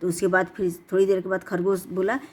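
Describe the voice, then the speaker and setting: A woman's voice: mid-range voice, flat delivery, fast talker, darkish tone. Woman telling a chatty bedtime story. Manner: chatty, with restarts and explanatory asides. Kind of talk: casual bedtime story narration.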